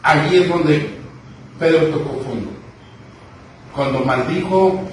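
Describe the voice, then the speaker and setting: A man's voice: fairly high pitch, slow. A man preaching a sermon, telling the story with emphatic repetitions. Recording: echoey hall, distant mic, noisy.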